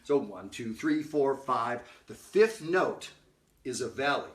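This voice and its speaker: A man's voice: medium pitch, animated, slow, soft background music. Roomy, distant middle-aged man teaching jazz. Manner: conversational, sings note examples, frequent "right?". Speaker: jazz educator. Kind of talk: casual music lesson. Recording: roomy sound from off-mic.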